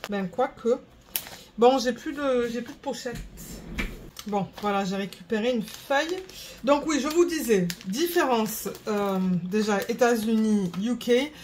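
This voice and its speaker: Woman rambling casually while sorting beads, kinda high voice, faint hiss. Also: a little slow, darkish tone. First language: French. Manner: rambling, stops to search for words. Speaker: vlogger. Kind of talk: casual chat.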